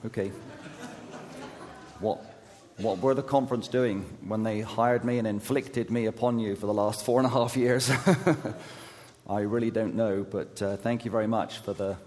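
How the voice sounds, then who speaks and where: An associate youth pastor delivers a sermon in a church sanctuary, the long hall reverb trailing his words. His voice sits on the low side with a steady tone but is going hoarse as he loses it, so he halts, restarts, fills pauses often, and jokes gently at his own expense.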